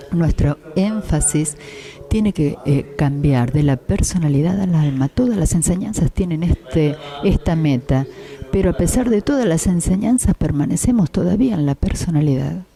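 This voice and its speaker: A man teaches a spiritual lecture at a very slow, unhurried pace. His voice is deep, dark and mellow, yet sits a little above the usual pitch for a man. He pauses often, restarts words and repeats key phrases. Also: expressive, creaky.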